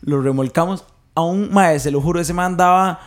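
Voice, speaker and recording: Costa Rican guy, slightly high voice, slangy casual co-storyteller. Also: normal speed. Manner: slangy, chimes in and retells. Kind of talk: casual chat.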